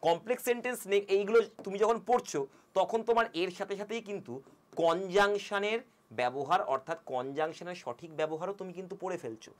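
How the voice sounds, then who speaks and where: A young man teaching an exam-prep English lesson with a Bengali accent, coaxing and speaking straight to his students. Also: high voice. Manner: quick, coaxing, addresses students directly.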